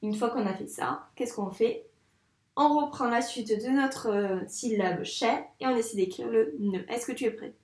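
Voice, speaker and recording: A woman teaching young children handwriting, speaking slowly and encouragingly and addressing the child directly. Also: a little high, darkish tone. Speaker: primary school teacher. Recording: echoey room, voice a bit far from the mic.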